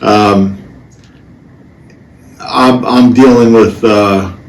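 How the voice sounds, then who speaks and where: Halting low-voiced man, roomy distant recording. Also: steady tone. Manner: halting, hesitant, blunt and profane. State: half the face numb inside and out. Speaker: podcast host. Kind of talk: casual solo podcast talk, personal storytelling. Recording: roomy, distant mic with faint noise.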